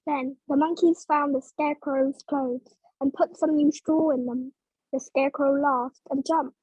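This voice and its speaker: High-voiced woman reading a storybook. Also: fairly even intonation, darkish tone, dry recording, poor audio. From Vietnam. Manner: slow, clear, simple storytelling. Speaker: narrator. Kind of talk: storybook read-aloud for English learners.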